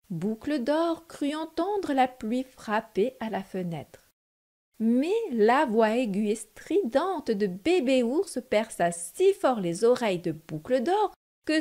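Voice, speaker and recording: A woman reading a children's fairy tale aloud in a clear, unhurried read-aloud manner. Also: fairly high pitch, mellow. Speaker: narrator.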